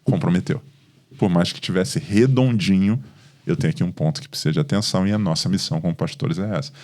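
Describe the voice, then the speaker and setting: A man's voice: low-pitched, quick pace. A Brazilian man, a pastor, speaking in a podcast conversation, telling stories with animation and acting out the dialogue. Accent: Brazilian Portuguese. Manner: animated storytelling, acts out dialogue.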